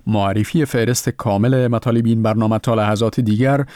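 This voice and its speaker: A man's voice: lowish voice, fairly even intonation, warm tone, no echo, clean studio sound. A man with an Afghan accent presents a radio news programme, reading a scripted introduction. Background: faint music.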